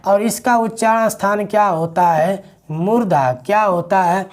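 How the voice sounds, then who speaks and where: A man's voice: sits high, unhurried. A male teacher, giving a classroom grammar lecture to students. He asks questions and answers them himself, repeating the key words.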